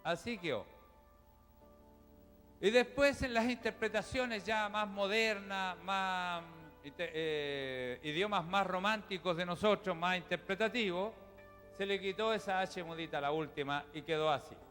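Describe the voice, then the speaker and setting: Music plays in a reverberant church hall as a man delivers a sermon as pastor, speaking to his congregation in a direct, conversational manner. He talks unhurriedly in a high, somewhat bright voice.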